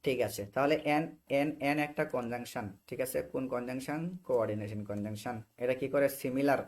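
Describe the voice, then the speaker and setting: A man's voice: medium pitch, a little mellow. A young Bangladeshi man teaching an online English class over a video call, explaining grammar by repeating short phrases and often checking that students understand. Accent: Bangladeshi Bengali.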